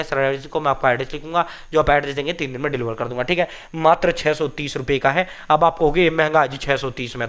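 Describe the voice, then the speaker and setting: A man's voice: on the high side, a bit bright, clear, resonant tone. Emphatic man giving exam news. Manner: emphatic, repetitive, addresses viewers as brothers. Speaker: coaching channel host. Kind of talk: exam news and sales pitch.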